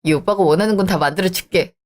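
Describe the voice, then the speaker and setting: A woman voicing a bossy married man who pushes and scolds in a lowered voice. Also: fast talker, lightly acted. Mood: coaxing. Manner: pushy, scolding, lower-pitched. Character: bossy married man, sister-doting husband.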